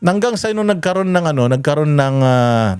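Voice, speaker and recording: Animated Filipino man telling stories. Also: on the high side, moderate pace, smooth, no room sound. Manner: animated, many fillers and self-corrections. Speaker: vlogger. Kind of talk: casual storytelling.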